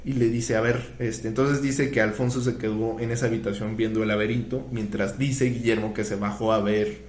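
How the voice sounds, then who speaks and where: Speaking on the low side at a normal speed, a man tells film-history stories as a podcast guest, casually animated and voicing the quoted lines. The space sounds echoey, with faint ambient noise underneath.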